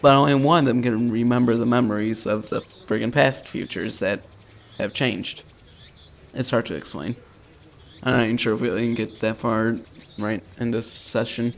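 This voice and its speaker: With a creaky, medium-pitched voice, a video game streamer reads visual novel text aloud during a casual let's play, keeping a steady tone and normal speed. He sounds offhand and slangy, and there's slight background noise.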